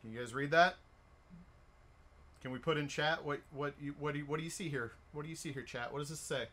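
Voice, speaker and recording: A man's voice: on the high side, brisk, fairly bright tone. An American man chatting casually on a livestream, rowdy and jokey, swearing freely. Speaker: live streamer. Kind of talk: casual, profane livestream chat.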